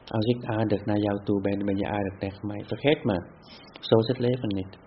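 Male meditation teacher, spiritual talk, halting restarts, lo-fi with light hiss. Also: on the low side, fairly even intonation. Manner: deliberate, repetitive phrasing with halting restarts. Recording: dull lo-fi with faint hiss.

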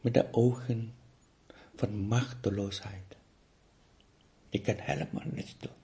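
A man giving a contemplative spiritual talk, speaking slowly and repetitively with pauses, sometimes dropping to a near-whisper. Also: fairly low pitch, steady tone, vocal fry, mellow. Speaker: spiritual teacher.

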